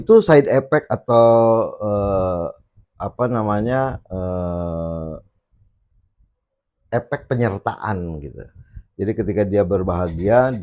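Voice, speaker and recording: A man talking on a casual podcast, explaining his views slowly and thoughtfully with pauses and fillers. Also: low voice, darkish tone, highs cut off. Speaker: podcast guest speaker, [name]. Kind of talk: casual reflective podcast talk.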